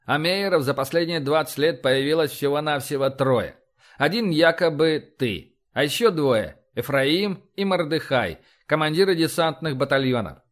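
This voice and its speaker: A man voicing a gruff, sardonic rear admiral who scolds and mocks. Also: a little high, lively intonation, normal speed, natural voice. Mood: mocking. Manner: brusque, mocking, loud outbursts.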